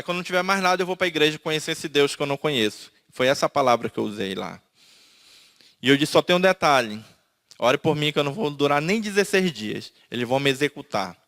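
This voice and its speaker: A man's voice: on the high side, lively intonation, fast, a bit bright. A man from Manaus with a Brazilian Portuguese accent, giving an emotional personal testimony and acting out the dialogue as he tells it. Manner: storytelling, acts out quoted dialogue. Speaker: testimony speaker.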